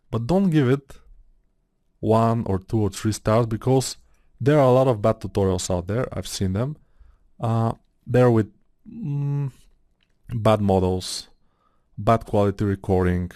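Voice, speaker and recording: A man with an Eastern European accent and a warm, medium-pitched voice with lively intonation meanders through a modeling tutorial. He speaks a little slowly, pausing often and thinking aloud with many fillers, in studio-quality audio without echo.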